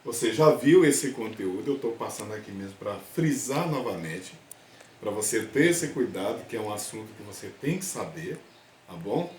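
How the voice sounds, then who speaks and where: A man's voice: fairly low pitch, expressive, moderate pace, a little hiss or hum. A male language teacher giving a remote class, explaining step by step and often checking in with his students. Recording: roomy echo.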